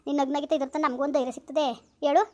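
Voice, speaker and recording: A woman's voice: sits high, fairly even intonation, racing, warm tone. A middle-aged woman on a phone call, consoling someone in a firm, soothing way and repeating her reassurances.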